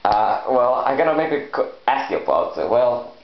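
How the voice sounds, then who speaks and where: A man who is not a native English speaker, talking in a rambling, unscripted solo vlog with halting, repetitive, loosely broken phrasing. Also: medium pitch, big pitch swings, slight background noise. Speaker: vlogger. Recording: echoey room, dull muffled sound.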